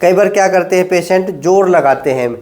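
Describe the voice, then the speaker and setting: A middle-aged yoga instructor teaches knee exercises with firm directions, repeating "ठीक है" and counting slowly through each hold. His voice sits high with a darkish tone.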